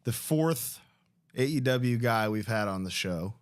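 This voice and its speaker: A man co-hosting a podcast, asking questions in a relaxed, jokey way. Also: mid-range voice, a little slow, clear, resonant tone. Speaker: podcast co-host. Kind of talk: casual interview chat.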